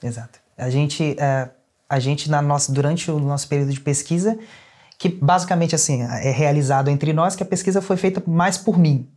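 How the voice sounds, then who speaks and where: A man's voice: on the high side, normal speed, a little mellow. A young man with a Brazilian accent, an interview guest earnestly telling a personal story in casual conversation. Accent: Brazilian Portuguese. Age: young adult.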